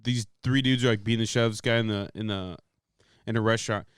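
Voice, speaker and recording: A man's voice: fairly low pitch, steady tone, fast, clear, resonant tone, no echo, clean studio sound. A man co-hosting a podcast in casual chat, swearing and calling the others "bro". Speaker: podcast co-host.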